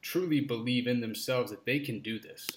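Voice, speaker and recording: A man's voice: mid-range voice, normal speed, slight background noise. A man hosting a podcast interview in casual chat, dropping "man" and "like" often. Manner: casual, says "man" and "like" a lot. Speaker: podcast host.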